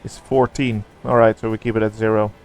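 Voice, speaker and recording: A man's voice: on the low side, level tone, fairly quick, darkish tone, low-quality recording. A man giving casual running commentary on a simulated flight, thinking aloud in short fragments.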